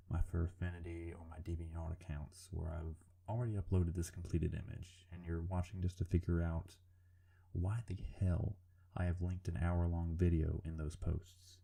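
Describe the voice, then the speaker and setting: A man with a rumbly, serial-killer-like voice, giving informal, hesitant, self-deprecating commentary over a drawing video, with casual swearing. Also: gravelly, warm tone. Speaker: artist narrating a drawing video.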